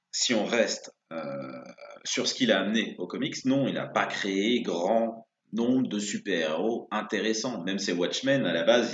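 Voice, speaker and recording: A man giving a casual spoken commentary on comics, rambling with many hesitations and restarts. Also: lowish voice. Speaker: video blogger commenting on comics. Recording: roomy, dull lo-fi sound.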